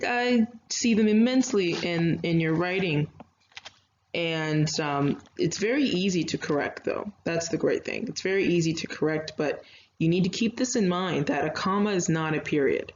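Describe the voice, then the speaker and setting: A woman's voice: fairly low pitch, a little mellow. A woman teacher giving an online writing lecture, explaining grammar step by step with chatty asides and fillers. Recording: slightly dull lo-fi audio, faint noise.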